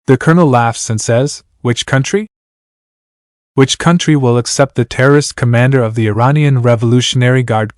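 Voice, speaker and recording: A man's voice: mid-range voice, darkish tone, dry recording, clean studio sound. A man from Iran narrating his novel aloud, voicing every character in the same plain reading voice and announcing each speaker's name. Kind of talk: flat audiobook narration.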